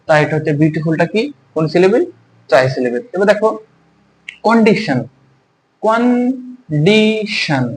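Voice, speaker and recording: High-voiced guy teaching english syllables, keeps quizzing the viewers, little bit of background noise. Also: darkish tone, poor audio. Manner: repetitive, drawn-out syllable-by-syllable pronunciation; keeps asking the audience questions. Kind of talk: explaining lesson to students.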